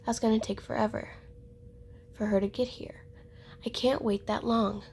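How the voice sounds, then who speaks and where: Young runaway girl, earnest, pleading, woman's gravelly plain voice. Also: fairly high pitch, level tone, moderate pace, darkish tone, slight background noise, natural voice. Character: frightened young girl escaping kidnappers.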